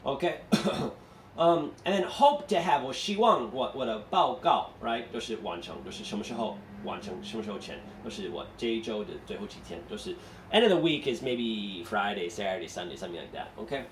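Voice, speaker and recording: A man's voice: medium pitch, animated, brisk, slight background noise. Man teaching English, echoey room. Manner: explains step by step, asks students questions. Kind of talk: classroom lesson, mixing English and Mandarin. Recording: echoey room, mic far off.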